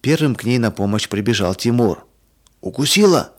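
Calm guy reading a kids' story aloud, measured and even. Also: medium pitch. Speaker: narrator. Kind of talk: storybook narration.

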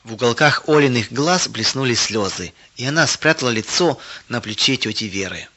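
Bright-voiced man narrating a storybook. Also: mid-range voice, expressive, moderate pace, dull audio.

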